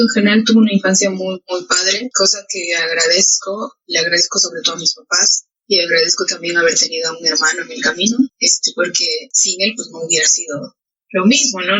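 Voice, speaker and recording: A woman's voice: lowish voice, fairly bright tone, breathy edge. A young adult woman from southern Veracruz in Mexico, a photographer, chatting as an interview guest with a Veracruz accent, laughing often and using many fillers. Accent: Mexican Spanish (southern Veracruz). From Los Tuxtlas, Veracruz, Mexico. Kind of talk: casual interview chat. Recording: muffled lo-fi podcast audio.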